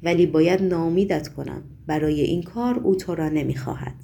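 A woman voicing a blunt, impatient male demon henchman in an audiobook, speaking in a low, curt, dry manner. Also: creaky, dark tone. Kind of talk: audiobook reading.

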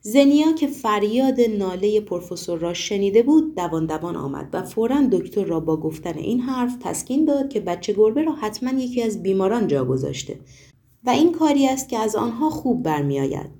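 Woman reading a story aloud, warm mellow voice, measured and even. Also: mid-range voice. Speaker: audiobook narrator. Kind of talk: storybook narration.

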